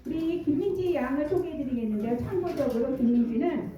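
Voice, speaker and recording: A middle-aged woman introducing a speaker as a forum emcee, pausing often between phrases. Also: high-pitched, dark tone. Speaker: event emcee. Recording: very echoey hall, far from mic.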